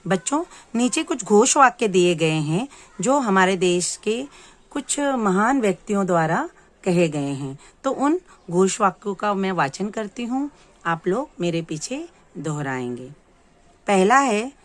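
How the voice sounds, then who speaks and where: A woman teaching young children, reading words aloud slowly for them to repeat and explaining each one patiently. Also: mid-range voice, big pitch swings. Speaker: primary school teacher. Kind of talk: slow, clear classroom lesson for young children.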